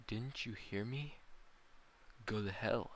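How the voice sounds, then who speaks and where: A man voicing a grieving, vengeful teenage boy swordsman, shouting anguished pleas in a fan-made story. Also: on the low side, slow, a little hiss or hum. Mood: cold.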